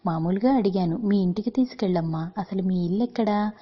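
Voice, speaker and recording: A woman voicing a poor, ragged, ailing man who speaks gently and affectionately, with a husky voice. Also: medium pitch, fairly quick, lo-fi sound, close to an everyday voice. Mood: tender.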